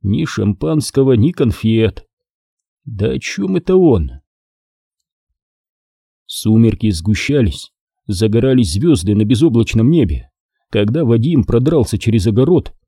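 Male audiobook narrator, expressive, dark husky voice, dry close recording. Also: mid-range voice, measured pace, dry recording. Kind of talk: scripted narration.

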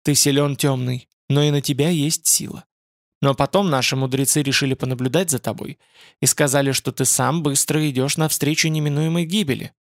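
A man's voice: mid-range voice, fairly even intonation, brisk, no echo, clean studio sound, natural voice. A man voicing a grave, proud female spirit being who speaks in a solemn, reserved way.

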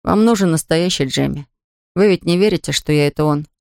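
A reader voicing a bedridden orphan boy in an audiobook, speaking quietly, firmly and gloomily. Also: medium pitch, brisk, vocal fry, no room sound, studio quality, lightly acted. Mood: stubborn sad. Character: sick orphan boy, proud and stubborn. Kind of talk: audiobook character voice.

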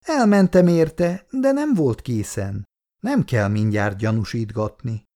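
A man voicing an indignant, sharp-tongued young wife in a raised voice. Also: huge pitch swings. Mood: reproachful. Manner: raised pitch, reproachful.

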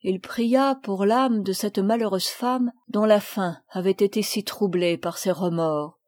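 Woman, audiobook narrator, measured clear reading, mellow dark voice. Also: medium pitch. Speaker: audiobook reader. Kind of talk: scripted narration of a classic novel.

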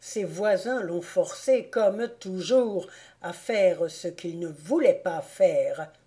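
A woman voicing a stern elderly male schoolmaster in an audiobook, scolding loudly and with biting irony. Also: lowish voice, takes it slowly. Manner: thundering, ironic scolding. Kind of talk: audiobook character voice.

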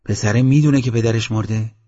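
A fretful, practical village headman, read by a man in a storybook. He keeps asking questions in a slightly raised, husky, low voice. The recording is dull and lo-fi. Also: mellow, in a large hall, close to an everyday voice. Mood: worried questioning.

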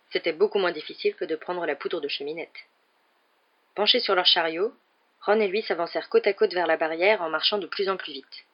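An audiobook reader narrating a novel in an even, measured way. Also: mid-range voice, highs cut off.

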